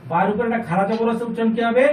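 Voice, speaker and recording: A high-voiced man teaching a reading class, patient and repetitive, pausing to quiz his students. He sounds distant from the microphone, in an echoey room with faint noise behind him. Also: crowd noise. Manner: patient, repeats points and asks the class questions. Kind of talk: classroom lesson.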